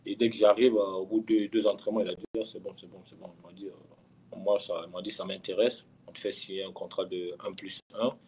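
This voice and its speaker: In a low-quality recording with a little hiss or hum, a man in his thirties, a professional footballer, is interviewed. His deep, warm voice stays level and fairly quick as he tells stories casually, frequently repeating words and phrases for emphasis.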